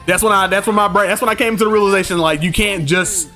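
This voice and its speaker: A man streaming a game, chatting casually and telling stories in animated slang, laughing often. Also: high voice, fast, soft background music. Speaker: gaming streamer. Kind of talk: casual livestream chat.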